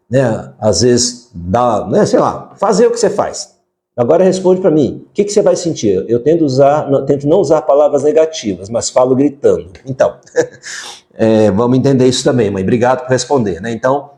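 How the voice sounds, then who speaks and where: Mellow-voiced man hosting a live. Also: mid-range voice. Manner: conversational, asks viewers direct questions, frequent fillers. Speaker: parenting educator hosting a live stream. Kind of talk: live-stream talk answering viewer comments.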